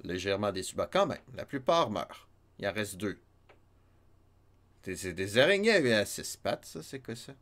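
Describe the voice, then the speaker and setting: A man with a Québécois French accent streams a retro game, chatting and joking with viewers, reading chat aloud, and laughing often. His lowish voice is sing-song and a bit bright, at normal speed with long pauses, in a casual let's-play style.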